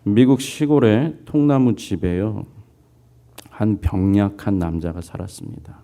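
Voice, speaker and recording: A man's voice: lowish voice, unhurried. A man preaching a sermon as pastor, telling a story, putting on voices for its people and asking the congregation questions. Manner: lively storytelling, voicing characters, asks congregation questions.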